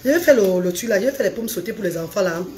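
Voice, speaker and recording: A woman chatting on a casual live stream, animated, calling her viewers "maman". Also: mid-range voice, racing. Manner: animated, calls viewers "maman", sings out names. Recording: echoey room with faint background noise.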